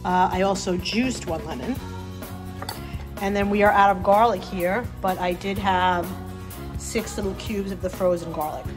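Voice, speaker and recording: A middle-aged woman, host of a cooking show, casually demonstrates a recipe step by step indoors in her home kitchen. Her medium-pitched voice moves at a normal speed, and music plus frying and sizzling sounds run in the background.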